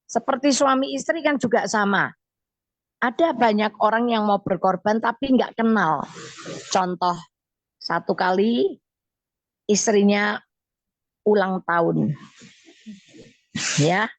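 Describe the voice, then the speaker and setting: A woman evangelist, teaching from the Bible on a radio show and telling stories with deliberate emphasis. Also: mid-range voice, no echo. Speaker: evangelist guest speaker. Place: radio studio.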